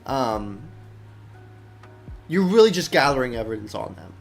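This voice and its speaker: A man's voice: medium pitch, sing-song, a little slow, faint music behind. A young man, an indie game developer, chatting casually while showing his game, rambling with many restarts and thinking aloud. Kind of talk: casual dev stream chat.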